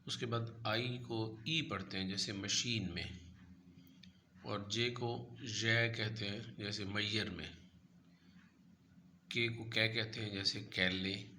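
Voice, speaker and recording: A man gives a patient lesson and spells each letter out carefully. He talks slowly in a lowish, bright voice. Faint noise hums behind him. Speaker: language teacher. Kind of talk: lesson narration over a chart.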